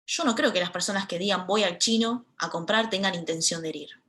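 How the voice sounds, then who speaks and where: Young woman, twenties, Rioplatense accent, middle pitch; an earnest, emphatic lecture speaker with short phrases. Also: brisk, pushed and bright. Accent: Rioplatense Spanish. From Buenos Aires, Argentina. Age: 20s. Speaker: panel speaker. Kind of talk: lecture talk.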